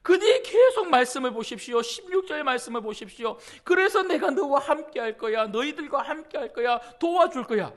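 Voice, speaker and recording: A man's voice: very high-pitched, lively intonation, a little fast, hardly any pauses. A man preacher voicing God, patiently reassuring a doubting man. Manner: gentle, reassuring.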